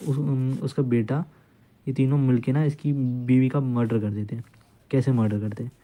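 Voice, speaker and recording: A man's voice: mid-range voice, mellow. A man giving an informal law lecture, explaining points by retelling cases and repeating phrases, mixing English legal terms into his talk. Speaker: law tutor.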